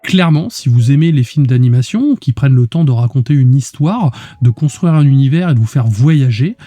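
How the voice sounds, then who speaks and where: A man's voice: mid-range voice, expressive, brisk, warm tone, dry recording. A man with a duck-like, quacky voice, giving a casual review as a podcast co-host. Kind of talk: casual chronicle to a co-host and listeners.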